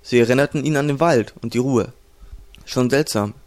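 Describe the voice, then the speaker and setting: A man reading a fantasy audiobook. His delivery is calm and even. The voice sits in a middle range. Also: mid-range voice, moderate pace. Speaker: audiobook narrator. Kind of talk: storybook narration.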